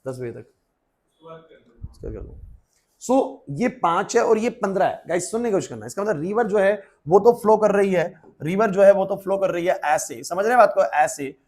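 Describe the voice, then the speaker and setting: A man's voice: high voice, animated, moderate pace, a little mellow. A male physics teacher lecturing a class, quizzing students by name and repeating his questions. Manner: repetitive questions, urging focus.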